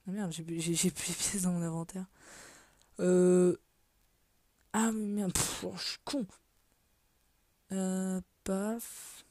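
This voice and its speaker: A gaming video creator talks through a game in offhand let's play commentary, muttering, swearing under her breath and frequently sinking to a half-whisper. Her mellow, dark voice is on the low side and level in tone, slow with long pauses, captured in a dry, close recording without room sound.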